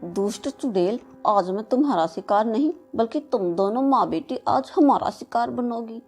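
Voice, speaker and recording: A woman's voice: fairly high pitch, lively intonation, moderate pace, darkish tone, soft background music. A woman voicing a bold, spiteful female crow in a cartoon, speaking in a taunting way.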